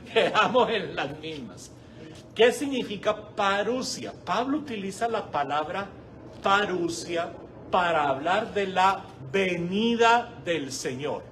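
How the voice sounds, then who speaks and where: Slow, high-voiced male Bible teacher. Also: fairly bright tone. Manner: asks the class questions, repeats key words slowly. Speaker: parish Bible course teacher. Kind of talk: informal classroom teaching. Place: church hall classroom. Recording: distant mic, faint background noise.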